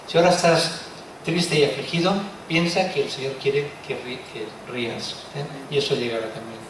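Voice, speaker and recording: A man preaching a sermon, expressive and full of rhetorical questions. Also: medium pitch, normal speed. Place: church hall. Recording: echoey room from far off, faint noise.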